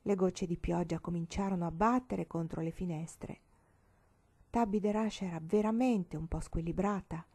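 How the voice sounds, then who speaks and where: Una donna che legge un romanzo per ragazze, con lettura regolare ed espressiva. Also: female voice, lowish voice, normal speed, dark tone. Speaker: reader. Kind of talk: audiobook narration.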